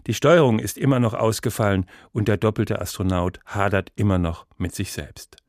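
A man presenting a radio program, measured and smooth. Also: fairly low pitch, no echo, clean studio sound. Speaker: radio host.

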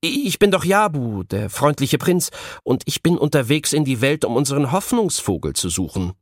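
A man voicing a shy, anxious boy prince from a children's audiobook, pitched somewhat above his own voice. He sounds earnest and hesitant. The sound is dry and close. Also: very animated, normal speed, no echo. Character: timid young boy prince. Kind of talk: audiobook reading.

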